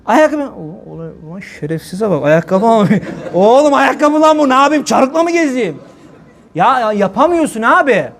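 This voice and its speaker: A male preacher with a high-pitched voice gives a loose, joking sermon. He talks in an animated, chatty way, laughing often and addressing the crowd like old friends. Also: slight background noise. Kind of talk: casual humorous sermon talk.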